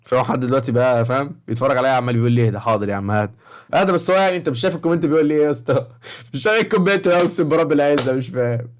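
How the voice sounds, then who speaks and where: A young man with an Egyptian Arabic accent, talking to high school students in a casual, rambling vlog and often checking in with the viewer. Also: racing. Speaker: study-advice vlogger for high school students.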